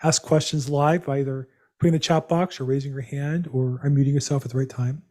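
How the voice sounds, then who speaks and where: A man's voice: medium pitch, fairly even intonation, quick pace, a little mellow. A man hosting a live real estate seminar over a video call, chatty and rambling with many fillers. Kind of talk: live webinar presentation.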